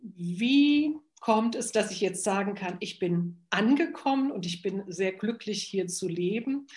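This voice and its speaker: Older lady from hesse telling her life story, slow and chatty, lots of ähms. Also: mid-range voice, expressive. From Hesse, Germany. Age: 70s. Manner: warm, unhurried, with pauses and fillers. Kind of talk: personal storytelling.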